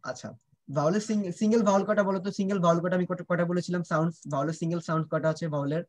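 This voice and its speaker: A man's voice: high voice, steady tone, racing, a little mellow. A man teaching children pronunciation in an online class. He drills sounds and keeps asking whether the students understand, switching between Bengali and English.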